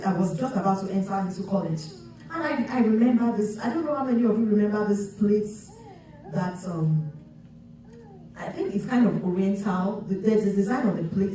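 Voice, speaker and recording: A woman's voice: mid-range voice, fairly quick, dark tone. A woman from Nigeria preaching a sermon in a chatty storytelling way, with many restarts and asides. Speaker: pastor. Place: church sanctuary. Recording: echoey church hall picked up from far off.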